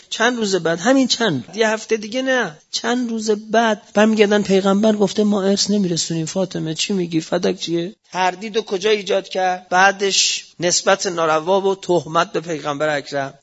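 A man preaching a sermon with passion, his delivery swinging between quiet low passages and raised cries. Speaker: cleric. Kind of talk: religious sermon. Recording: dull lo-fi recording.

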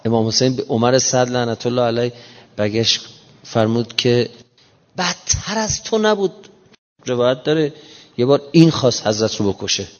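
A preacher with a mid-range voice delivers an emphatic sermon in casual, everyday speech, explaining modern slang, then slows down to recite scripture in a measured way. The recording is muffled and reverberant, as if made in a hall.

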